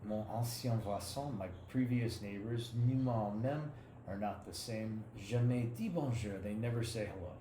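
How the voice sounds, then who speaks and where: A man reading aloud as practice, hesitant and halting, stopping often to correct himself. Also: lowish voice, mellow. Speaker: language learner reading aloud. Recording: roomy room with faint background noise.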